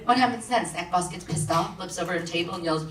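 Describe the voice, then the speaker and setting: A woman from Miami doing a brash, sarcastic stand-up comedy set on a theater stage. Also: fairly low pitch. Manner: brash, sarcastic, quick punchlines. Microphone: stage microphone. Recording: distant roomy theater mic, audience noise.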